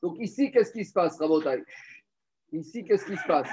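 A man's voice: on the high side, moderate pace, slightly rough. A man teaching a Torah lesson in French mixed with Hebrew terms, asking rhetorical questions and explaining step by step. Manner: lively, rhetorical questions, addresses listeners as Rabotai. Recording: dull lo-fi recording.

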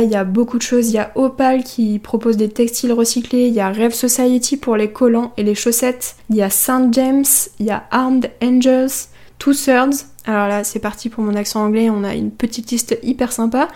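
A woman's voice: a little high, fairly even intonation, fairly quick, dark tone. A woman hosting a podcast, giving advice in an upbeat, enthusiastic, conversational way. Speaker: podcast host.

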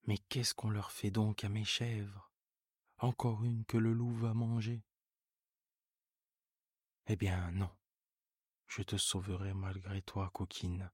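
A man's voice: fairly low pitch, little pitch movement, slow pace, long pauses, husky, dry recording, studio quality. A man voicing a fond, worried old farmer who pleads and exclaims, in a bedtime story reading. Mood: pleading, alarmed.

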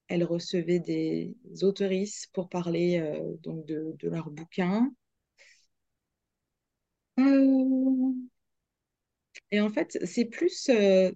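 A woman's voice: on the low side, creaky, dark tone, dry recording. Hesitant woman, dull dry audio. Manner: hesitant, many fillers and restarts. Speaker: radio journalist guest. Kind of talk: casual podcast interview.

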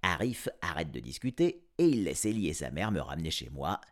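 A man narrating an audiobook in a playful, expressive first-person style. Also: deep voice, brisk. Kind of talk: audiobook storytelling.

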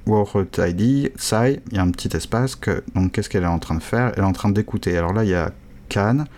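A man with a fairly low voice talks through a casual language lesson. He speaks haltingly, restarts often and drops in some slang. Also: darkish tone. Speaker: Chinese language teacher.

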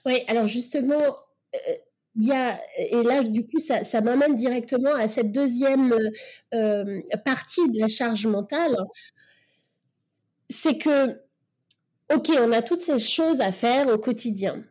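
A woman's voice: on the high side, unhurried, a little mellow. A woman in casual podcast conversation, talking in a reflective, coaching way with many fillers and restarts.

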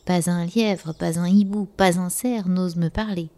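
A woman's voice: fairly low pitch, steady tone, measured pace, mellow. A woman voicing a vain, cunning male wolf in a children's storybook, who talks in a mocking, teasing way. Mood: boastful. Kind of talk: storybook voice acting.

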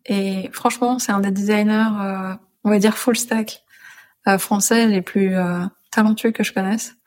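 A woman talks as a podcast guest in a relaxed, casual way. She hesitates often and fills her pauses with drawn-out filler sounds, and her pitch sits in a middling range. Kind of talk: casual interview chat.

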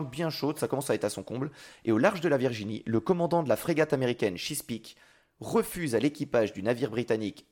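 A man's voice: mid-range voice, darkish tone. Man casually narrating history with jokes. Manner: joking, crude slang, frequent fillers. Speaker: podcast host telling history.

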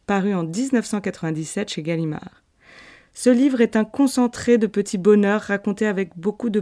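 Mellow-voiced French woman hosting a podcast. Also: mid-range voice. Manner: lively, playful storytelling with asides. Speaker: podcast host. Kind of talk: scripted literary podcast monologue.

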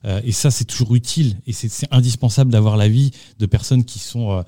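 A male musician speaks in a dark, mellow voice, close and dry in the studio. He answers slowly, searching for words with frequent fillers and restarts. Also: mid-range voice, dry recording. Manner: hesitant, lots of fillers and restarts. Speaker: singer and musician guest. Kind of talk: casual radio interview.

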